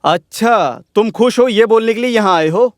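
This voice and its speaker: A man's voice: sits high, normal speed, no room sound, studio quality, natural voice. A male voice actor dubbing a stern, sarcastic village moneylender who scolds a debtor. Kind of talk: Hindi film dubbing.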